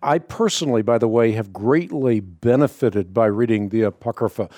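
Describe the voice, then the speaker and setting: On his call-in radio show, a man from the Netherlands answers Bible questions, speaking measured and explanatory in native, unaccented Dutch. The recording is dry and studio quality, and his voice is low-ish and mellow.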